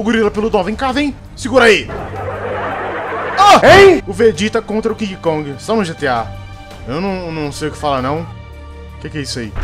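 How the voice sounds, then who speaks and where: A young man with a Brazilian Portuguese accent giving excited, slangy let's-play commentary and shouting at the screen. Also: high voice. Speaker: gaming youtuber. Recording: game music playing under voice.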